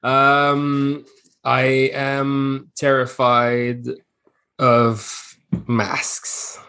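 A man speaking in a casual group chat, hesitant and halting. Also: medium pitch, flat delivery, sharp tone, clean tone. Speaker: guest.

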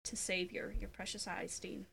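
A woman's voice: lowish voice, flat delivery, normal speed, gravelly, fairly bright tone, slight background noise. A woman co-hosting a casual fan podcast, enthusiastic and gushing, with playful interjections. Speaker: podcast co-host.

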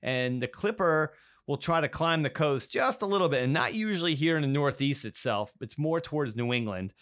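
A man co-hosting a weather podcast, explaining in a steady way with fillers. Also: on the high side, brisk. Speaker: meteorologist co-host. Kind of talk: casual chat.

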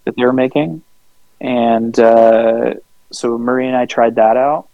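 A man co-hosting a podcast, telling a rambling, laid-back story in casual chat, swearing freely and filling pauses with ums and uhs. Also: medium pitch, fairly even intonation, vocal fry, no echo, dull audio. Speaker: podcast co-host.

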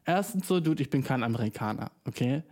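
A young man from Germany talks straight into his microphone for a casual solo podcast. His speech is slangy and full of English words, and he bursts into lively, excited stretches. His voice has a mellow, warm, relaxed tone. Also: medium pitch, fast. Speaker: podcast host. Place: small room, speaking into a microphone.

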